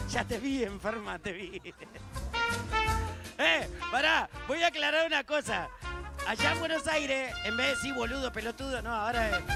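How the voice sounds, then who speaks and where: Argentine man, high raspy voice, slow teasing stage patter over live music. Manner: crude, teasing, shouted asides. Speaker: stage entertainer. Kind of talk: live stage banter and jokes. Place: outdoor winter festival stage. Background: music and crowd.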